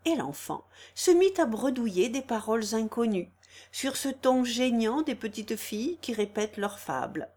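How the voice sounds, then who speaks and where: A woman reading a literary story aloud as an audiobook narrator, in a slow, measured way. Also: fairly high pitch, animated, darkish tone.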